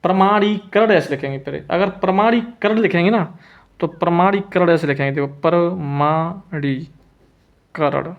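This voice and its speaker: Male teacher, slightly high-pitched, patient, slowly repeats words, muffled lo-fi recording. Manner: repeats each word slowly, stretching syllables; checks in often with the listener. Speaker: Hindi spelling teacher. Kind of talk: slow spelling lesson.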